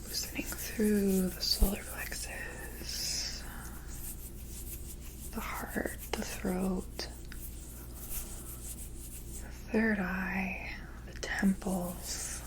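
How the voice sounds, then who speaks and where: A woman in a whispered role-play as an ASMR energy healer, with an airy, breathy whisper and a gentle, soothing, mystical manner. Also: mid-range voice, little pitch movement, very slow, pauses often, poor audio.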